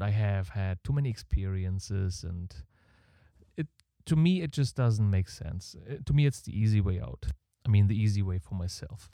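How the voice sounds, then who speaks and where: A German man with a low, mellow voice hosts a casual solo podcast from his home setup in Canada. He rambles, shares strong opinions and pokes fun at himself, his breathing audible on a close podcast mic. The sound is echo-free and studio quality.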